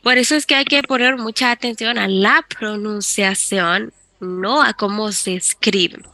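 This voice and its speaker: Unhurried and bright, a woman with a mid-range, forceful voice explains English grammar step by step to a Spanish-speaking class, switching patiently between Spanish and English. There's no echo.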